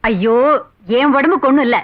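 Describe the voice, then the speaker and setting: A woman's voice: sits high, brisk, dry recording. An actress playing a strict, bossy landlady in a comic film, with a tinny, dry soundtrack. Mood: commanding. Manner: bossy, commanding.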